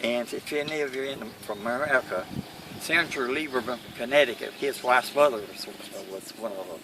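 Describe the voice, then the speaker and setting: Recorded from afar in a noisy setting with what sounds like vehicles nearby, an old Kentucky man of 80-plus is interviewed about serving in World War II. He talks plainly and haltingly in a medium-pitched voice.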